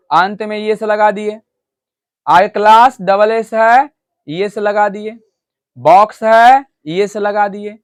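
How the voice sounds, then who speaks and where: A man teaching a classroom English grammar lesson. He explains step by step and keeps asking the students whether they have understood. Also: high-pitched. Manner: switches between loud stressed points and quiet asides to the class.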